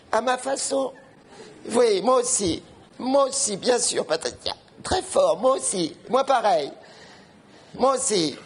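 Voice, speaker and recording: A man playing a spiteful older mother-in-law in a comedy sketch phone call, shrill and cackling as she gushes and curses. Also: a little hiss or hum, full character voice. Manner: shrill, cackling, gushing then cursing on the phone. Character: spiteful old woman, scheming mother-in-law. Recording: live stage recording with loud audience. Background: audience laughter.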